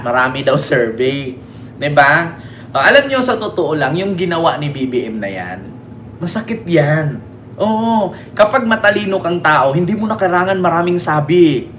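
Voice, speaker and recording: A man's voice: sits high, fairly bright tone, a little hiss or hum. A man from the Philippines hosting a mocking political commentary stream, taunting his critics, swearing and asking "di ba?" again and again. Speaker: political vlogger and livestream host.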